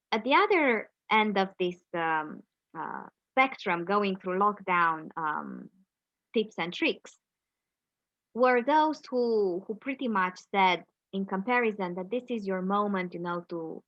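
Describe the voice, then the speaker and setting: Middle-aged woman from romania, interview guest, thoughtful and pausy, dull dry lo-fi mic. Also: medium pitch, dry recording. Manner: reflective, pauses with frequent fillers. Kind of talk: conversational interview.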